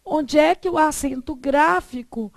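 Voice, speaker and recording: A woman's voice: high voice, unhurried, vocal fry, no room sound. A Brazilian woman teaching a Portuguese class, putting questions to her students and answering them herself. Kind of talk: classroom lesson on exam questions.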